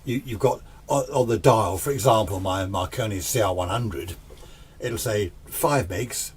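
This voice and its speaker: With a little hiss or hum in the recording, a man in his sixties talks in a lowish voice, a bit slowly. He presents as an amateur radio hobbyist, offering a loose, unscripted explainer full of rambling and little self-directed questions.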